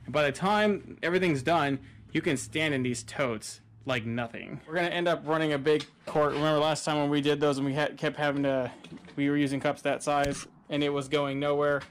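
A man's voice: fairly high pitch, steady tone, a little fast, slight background noise. Easygoing man talking through a boat build. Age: adult, father of a son. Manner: easygoing, practical, talks through each step. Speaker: boat-building channel host. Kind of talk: casual how-to narration while working. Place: outdoor driveway workshop beside a boat.

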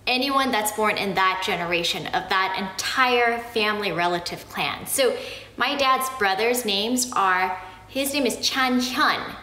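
A woman from Korea explaining something slowly and patiently, often checking in with "okay?". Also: medium pitch, bright, forceful tone, reverberant, low-quality recording. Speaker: family vlogger explaining Korean naming. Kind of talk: casual explanatory talk to camera.

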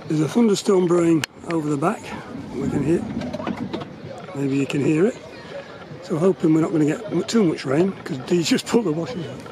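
A middle-aged man narrating his sailing trip in relaxed casual talk, with frequent ums. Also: a little high, brisk, crowd noise, low-quality recording. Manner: relaxed, rambling with many ums. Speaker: sailing vlogger. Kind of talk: casual travel commentary. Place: outdoors on a sailboat and on land. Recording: outdoor recording with clear background noise.

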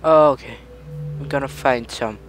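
Slow, chatty man narrating gameplay. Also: mid-range voice, faint music behind. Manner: rambling, chatty, prone to sudden excited outbursts. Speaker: gaming channel host. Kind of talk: casual gameplay commentary.

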